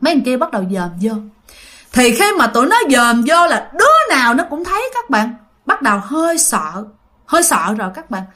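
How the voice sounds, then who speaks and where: A woman tells a ghost story in a loose, chatty way, often turning to speak directly to her listeners. Her voice sits high and sounds bright and clear. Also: sing-song, fairly quick. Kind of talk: casual ghost-story narration.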